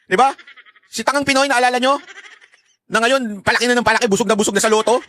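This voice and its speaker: A man's voice: very high voice, fast, fairly bright tone. A man giving heated, sarcastic political commentary to his viewers in a vlog, swearing and laughing often and mixing English phrases into his talk.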